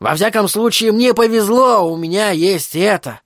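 A man voicing a crippled male showman who pleads quietly and then barks loudly at a crowd in an audiobook. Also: high voice, normal speed, no room sound, studio quality, pitched above the performer's own voice, natural voice. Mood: pleading. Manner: loud, showy barker's patter.

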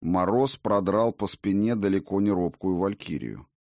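A man narrating a fantasy audiobook in a measured, expressive storytelling manner. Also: sits low, dry recording, clean studio sound.

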